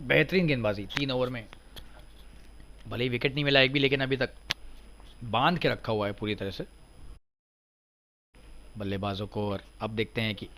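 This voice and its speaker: A man calls a cricket match with a bright, forceful voice at a medium pitch. He delivers excited play-by-play commentary in the practised style of a live sports commentator. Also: slight background noise. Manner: excited cricket commentary, voice surging on big shots.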